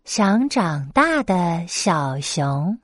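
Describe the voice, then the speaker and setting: A woman narrating a bedtime story, gentle and expressive. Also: lowish voice, drawn-out words, dry recording, studio quality.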